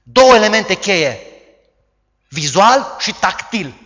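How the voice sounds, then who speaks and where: A man preaching a sermon, who acts out quoted voices loudly and dramatically. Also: sits high, sing-song. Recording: long hall reverb.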